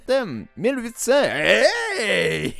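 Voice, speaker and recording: A young Québécois man streams a quiz game on Twitch, chatting casually, teasing his viewers and laughing often into a desk microphone. His voice is very high and gravelly, with a fairly bright tone.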